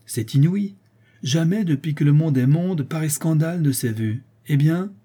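A man plays a haughty countess in this audiobook, her voice pushed up into a piercing head tone well above his own. She commands and snaps with noble impatience, and the husky grain of the reader still sits underneath. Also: on the high side, lively intonation, normal speed, warm tone, voice pushed up. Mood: imperious, impatient. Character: imperious shrill noblewoman countess. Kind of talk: audiobook character voice.

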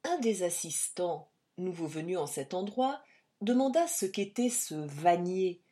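A woman narrating a story aloud in a measured, expressive reading. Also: on the low side. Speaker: audiobook reader. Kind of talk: scripted narration.

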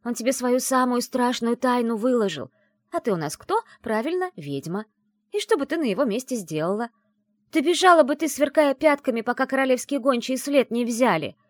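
A woman reading an audiobook and voicing a brash, teasing young woman who is the heroine's best friend, talking in a loud, mocking, bossy way. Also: on the high side, big pitch swings, brisk, dry recording, studio quality, voice pushed up.

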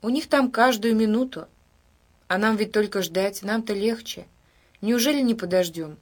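A woman's voice: medium pitch, moderate pace, lightly acted. A woman reading the part of a steadfast village woman who keeps waiting for her husband, in a plain, earnest voice. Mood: insistent. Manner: plain, earnest, quietly stubborn. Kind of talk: audiobook character reading.

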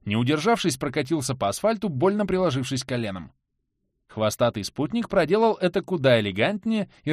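A man narrating an audiobook in an expressive, dramatic reading. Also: medium pitch, no echo, studio quality. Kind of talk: scripted narration.

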